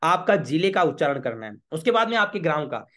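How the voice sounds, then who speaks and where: A man, a priest teaching a home worship ritual step by step, chanting Sanskrit lines slowly and checking with the listener often. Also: on the high side, sing-song, a bit bright. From Rajasthan, India. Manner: patient, repeats checks like "okay?".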